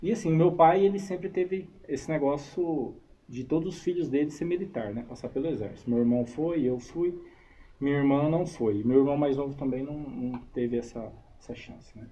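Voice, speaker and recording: A man from São Paulo state, Brazilian-accented, talks casually as an interview guest, an army reservist and combatant, frequently tacking on little checking tags. His voice is a bit high, mellow and brisk. It's a dull, noisy live stream from a radio studio.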